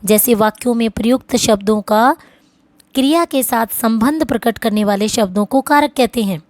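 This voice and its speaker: A woman teaching a Sanskrit grammar lesson, explaining slowly and reciting the word forms. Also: on the high side, no room sound.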